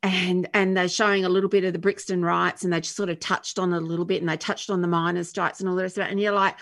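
An Australian woman co-hosting a podcast in casual chat, animated and laughing as she tells stories. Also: on the low side, quick pace, gravelly. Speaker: podcast co-host.

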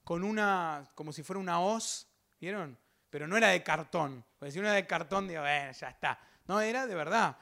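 A man's voice: sits high, a little fast, creaky, bright, forceful tone. A young man with a Rioplatense accent giving a sermon testimony, telling his story vividly with sound effects and acted quotes, and speaking directly to the congregation. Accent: Rioplatense Spanish. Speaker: preacher.

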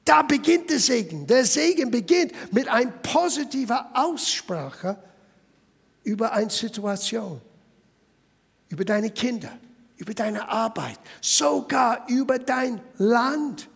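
A man's voice: very high voice, lively intonation, slow, creaky, breathy edge, in a large hall. A man preaching a sermon as pastor, emphatic and addressing the listeners directly.

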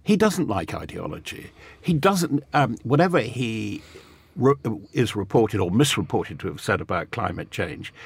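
A man's voice: medium pitch, gravelly, breathy edge, no echo. An older man, a guest commentator, rambling through political talk with chuckles.

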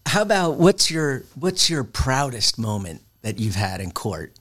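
Guy hosting a law podcast, asks stuff kinda haltingly, laughs along. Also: mid-range voice, sing-song, fairly bright tone, slightly rough, dry recording, clean studio sound. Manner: quick reactions and laughs, halting questions. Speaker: podcast host. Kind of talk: interview questions.

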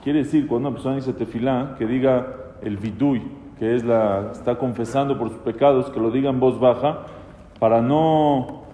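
A man's voice: medium pitch, steady tone, brisk, dark tone, slight background noise. A man, a rabbi, explaining Hebrew texts in a class and putting questions to his listeners. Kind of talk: Torah class. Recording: echoey room, long reverb.

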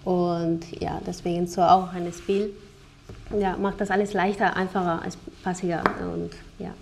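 Flat-voiced woman guest, halting phrasing. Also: lowish voice, vocal fry, slight background noise. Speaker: guest, game developer. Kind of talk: casual podcast interview.

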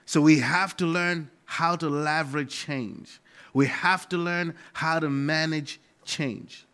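Preaching with emphasis, this middle-aged Malawian-accented pastor repeats key phrases on purpose. His voice is a little high, pushed and bright, yet smooth.

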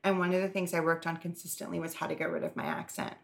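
This woman co-hosting a podcast speaks fast in a low, creaky voice with big swings in pitch. Her talk is candid and meandering, loaded with "like" fillers and offhand swearing.

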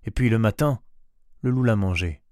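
A man's voice: moderate pace, no room sound, clean studio sound, natural voice. A man doing a fretful old goat farmer. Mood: alarmed. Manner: pleading, exclaiming, louder and higher than the narration.

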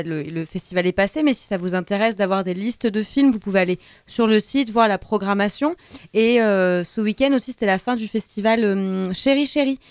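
A woman columnist chats casually on a radio talk show. She rambles and leans on fillers. Her voice is crisp, and the sound is dry. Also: medium pitch, no room sound. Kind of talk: casual chat.

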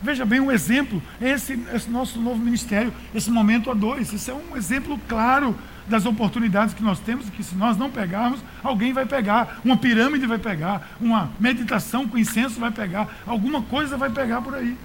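With a high-pitched voice, a Brazilian pastor speaks a little fast and with few pauses, exhorting his audience in plain, conversational words. He hammers points home through repetition, and some light background noise is audible.

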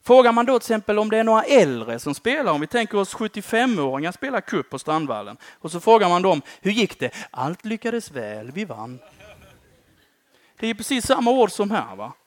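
A man preaching a sermon in a conversational way, often tagging his phrases with a questioning "va?" and swinging between loud emphasis and quiet endings. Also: high-pitched, sing-song, hardly any pauses, dry recording.

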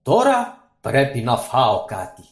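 A man voicing a huge, hungry, ungrateful male genie who roars and growls slowly, in radio storytelling with a roomy echo. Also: wildly swooping pitch. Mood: roaring menace. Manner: roaring, growling, slow and booming.

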